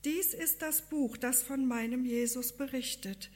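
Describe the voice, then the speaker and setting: Woman voicing a gentle devout village man, tender, wondering, slow, storybook reading. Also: a little high.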